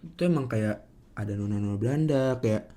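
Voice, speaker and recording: A young man speaks with a Jakarta Indonesian accent and cannot roll his R, which comes out soft and lisped. He tells his story casually, in slang, hesitating and rambling as he goes. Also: fairly low pitch, brisk. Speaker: podcast guest.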